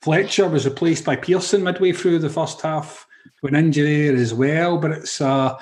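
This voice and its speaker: A man's voice: on the high side, fairly even intonation, normal speed, darkish tone. A Scottish man hosting a sports podcast, talking with enthusiasm and throwing rhetorical questions to his co-hosts. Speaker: podcast host. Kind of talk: casual sports podcast chat.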